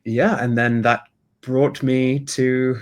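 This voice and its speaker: A man's voice: medium pitch, level tone, slow. A man from Hong Kong with a British accent, chatting as an interview guest over a video call, laughing often and restarting his sentences with many fillers. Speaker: guest, sourcing company co-founder. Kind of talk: conversational interview answers.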